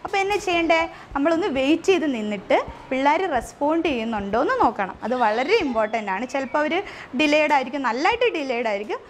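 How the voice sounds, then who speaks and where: A woman's voice: high-pitched, sing-song, quick pace, slight background noise. A woman gives parents an informal lecture as a therapist. She explains with everyday examples, mimics sounds, and mixes English terms into her speech. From India. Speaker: therapist giving a parent class.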